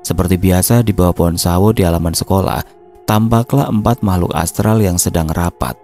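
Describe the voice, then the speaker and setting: Low, mellow male storyteller. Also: brisk, faint music behind. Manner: joking, chatty asides. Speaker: horror story narrator. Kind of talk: casual comic storytelling.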